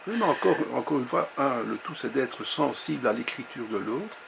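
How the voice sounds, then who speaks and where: A man interviewing an author in a measured, admiring way. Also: mid-range voice, expressive, creaky. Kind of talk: interview conversation. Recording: noisy background.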